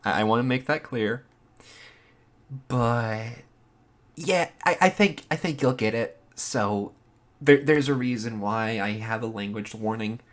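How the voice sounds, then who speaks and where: A man with a squeaky, chipmunk-like voice, chatting casually and giggling as he introduces a reading. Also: a little slow. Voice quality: high-pitched, squeaky "chipmunk" voice. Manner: giggly, breaking into laughter. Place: bedroom.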